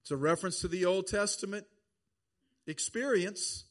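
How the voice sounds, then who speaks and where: A man's voice: sits high, moderate pace. A man preaching a sermon, stretching words out for emphasis.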